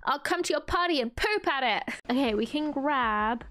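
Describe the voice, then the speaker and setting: A woman's voice: high-pitched, expressive, moderate pace, a bit bright. A young woman streaming a video game, chatting casually and breaking into frequent giggles and squeals. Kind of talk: casual gameplay commentary.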